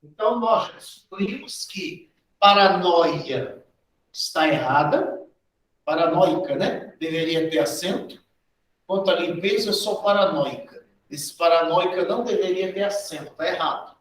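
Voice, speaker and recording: A man's voice: high-pitched, unhurried, a bit bright. A man with a Brazilian accent teaching a grammar lesson for an exam, explaining step by step and often adding tag questions. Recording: very echoey room, voice from a distance.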